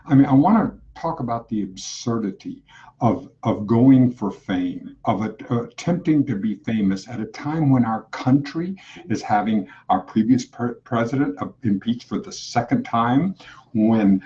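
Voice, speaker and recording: Mellow-voiced man from South Texas, lo-fi. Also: medium pitch, lively intonation, measured pace. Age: 50s. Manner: rambling, restarting sentences, wry. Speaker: show host. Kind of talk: casual live chat.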